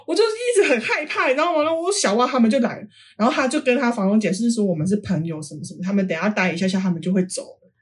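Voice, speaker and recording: A young woman from Taiwan, co-hosting a podcast and telling stories in a casual, animated way, acting out the quoted lines. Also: on the high side, rapid-fire. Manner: animated, acts out quoted dialogue. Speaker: podcast co-host. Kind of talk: casual storytelling chat.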